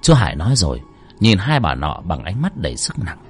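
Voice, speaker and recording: A man's voice: low-pitched, huge pitch swings, a little fast, husky, soft background music. A man narrating a scripted horror story in a dramatic storytelling manner.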